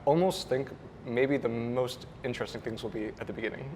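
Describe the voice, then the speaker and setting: A man hosting a casual podcast interview, talking quickly and teasing his guest with easy laughs. The recording has a long reverb and a faint hiss in the background. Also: medium pitch, darkish tone. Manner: chatty, laughs easily, playful teasing. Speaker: podcast host. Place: apartment building.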